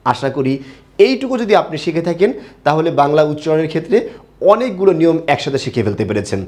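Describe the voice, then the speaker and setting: Rather high-voiced man teaching Bengali. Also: sing-song, a little mellow. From Bangladesh. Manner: asks the class questions and answers them himself; spells words out slowly letter by letter. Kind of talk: online pronunciation lesson.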